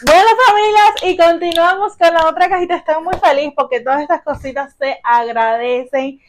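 High-voiced gushing Cuban woman vlogger. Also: fairly even intonation, normal speed, slight background noise. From Cuba. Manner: exclamatory, gushing, keeps addressing viewers as family. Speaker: vlogger, mother. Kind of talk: casual unboxing vlog.

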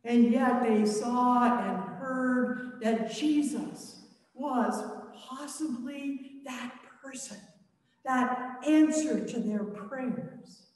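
Woman priest preaching slow and reflective, high voice, big echoey church. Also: darkish tone. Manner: storytelling, reflective. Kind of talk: sermon. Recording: echoey church, mic far off.

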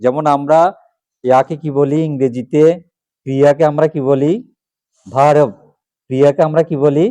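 A man's voice: fairly high pitch, level tone, normal speed, long pauses, mellow, no echo. A man teaching a class, drilling letters one by one and asking questions, then answering them himself. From Bangladesh. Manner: asks questions and repeats answers. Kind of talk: classroom lesson on alphabet pronunciation.

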